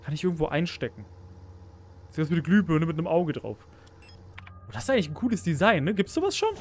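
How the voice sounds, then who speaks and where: A man with a fairly high, sing-song voice talks quickly in a darkish tone over slight background noise. He's a let's play gamer casually commenting on a horror game, jumpy and easily startled, pleading with and squealing at the enemies on screen.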